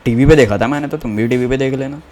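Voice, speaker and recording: A dry, unbothered old uncle, as a man puts him on, answering in short deadpan lines. The voice sits a bit lower and softer than the storyteller's own, and it stays flat and unimpressed. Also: fast talker, lightly acted.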